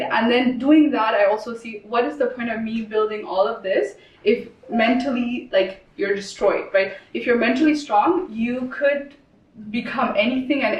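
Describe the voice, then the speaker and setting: A woman from Sri Lanka answering as a roundtable guest, halting, with many fillers and restarts. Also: medium pitch. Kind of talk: conversational interview answers. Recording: echoey room, distant mic.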